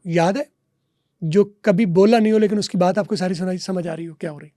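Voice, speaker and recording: A man's voice: high-pitched, fairly quick, warm tone, no echo. Male teacher, dry close sound, quizzes and drills example words. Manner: lecturing, repeats example words and asks quiz questions. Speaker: English teacher guest. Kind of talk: podcast interview, explaining.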